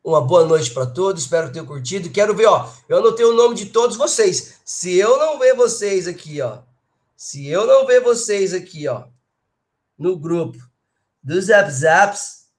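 A man's voice: sits high, lively intonation, moderate pace, darkish tone. A Brazilian man with a Brazilian Portuguese accent, an English teacher chatting casually on a live stream, emphatic and full of tag questions to his viewers.

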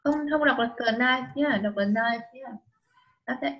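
A woman's voice: sits high, moderate pace, muffled recording. A woman teaching English online with a Vietnamese accent, patiently dictating and spelling words letter by letter. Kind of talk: slow dictation lesson for a child.

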